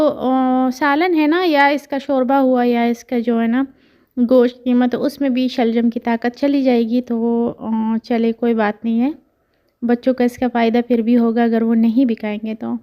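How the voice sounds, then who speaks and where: Speaking in a high, mellow voice, this Pakistani woman in her thirties, with an Urdu accent, is a family vlogger who rambles casually through her housework. Fillers pepper her talk.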